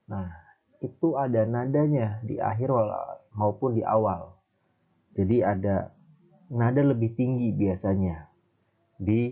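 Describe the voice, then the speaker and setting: A male teacher with a fairly low voice walks through a grammar lesson step by step, pausing often on small fillers. The sound is thin and narrow, like a phone line. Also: vocal fry. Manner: explains step by step with frequent fillers.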